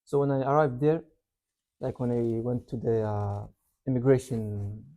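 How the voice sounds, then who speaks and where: A man's voice: medium pitch, measured pace, lo-fi sound. A young man from Yemen, raised in Saudi Arabia, chatting casually as an interview guest, full of "like" and "you know.". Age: young adult. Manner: relaxed, rambling, many "like" and "you know" fillers. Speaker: interview guest, university student.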